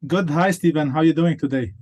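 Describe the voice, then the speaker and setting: A man who grew up between Lebanon and France, speaking as a guest in a video-call interview, plain and brief with some pauses. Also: on the high side, darkish tone. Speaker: interview guest, billiards player.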